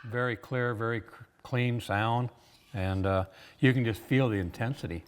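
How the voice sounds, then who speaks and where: A man's voice: mid-range voice, normal speed, very noisy. A plain-spoken, folksy man informally explaining and demonstrating game calls he makes. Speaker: game call maker demonstrating his products. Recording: reverberant room with long echo.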